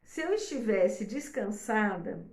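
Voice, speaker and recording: Middle-aged woman mentor, live class, chatty with tag questions, gravelly, in an echoey room. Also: medium pitch, expressive, takes it slowly, darkish tone. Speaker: mentor for mothers. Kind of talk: live online class talk.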